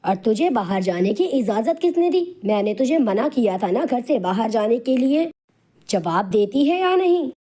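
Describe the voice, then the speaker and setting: A harsh, bullying middle-aged aunt, as a woman voices her in a cartoon story. She taunts and scolds with a high, mellow tone. The voice acting is animated and sharp-tongued. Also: normal speed. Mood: harsh scolding.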